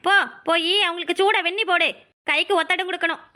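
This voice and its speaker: A bossy, scheming young woman in a cartoon, voiced by a woman, who taunts and gives orders. Her lines come fast and very high, with a bright, cutting edge. She never softens her tone. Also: steady tone. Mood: scolding. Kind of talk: cartoon voice acting.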